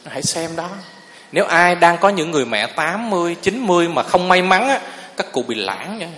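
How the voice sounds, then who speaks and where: A man's voice: fairly high pitch, very animated, fairly quick, fairly bright tone. A man, a Buddhist monk giving a sermon in a folksy storytelling way and often asking the listeners if they agree. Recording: long reverb of a hall.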